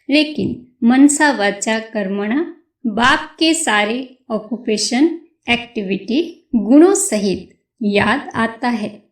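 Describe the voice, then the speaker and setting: A woman giving a slow, measured devotional reading as a spiritual reader. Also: sits high. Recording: echoey room, distant mic.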